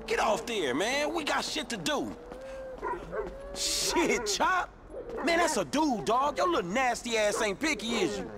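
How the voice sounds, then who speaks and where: A man's voice: very high voice, full character voice. An actor playing a streetwise young man in a video game, drawling and swearing as he bosses his dog around and scolds his partner. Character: streetwise young male getaway driver, level-headed. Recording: video game dialogue with loud noise.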